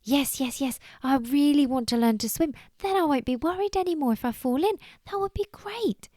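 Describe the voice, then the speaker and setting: A woman's voice: fairly high pitch, expressive, unhurried, a little mellow, no room sound, clean studio sound, voice pushed up. A woman voicing a panicky little boy bunny in a storybook, with a squealing, breathless, fretful voice. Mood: relieved, eager.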